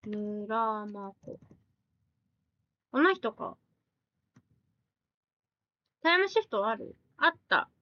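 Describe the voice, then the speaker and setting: A woman's voice: fairly high pitch, big pitch swings, highs cut off. A woman live streamer chatting casually, reading viewer comments aloud and firing back blunt, teasing retorts. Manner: blunt, teasing retorts mixed with quick questions.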